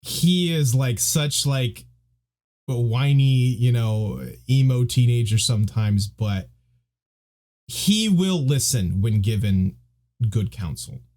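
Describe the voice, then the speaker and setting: A man co-hosting a podcast in a relaxed, chatty way. His pitch sits in the middle of the range, and his delivery is animated and conversational. When he quotes characters, he slips into playful imitations. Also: slow. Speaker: podcast co-host. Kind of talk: casual podcast discussion.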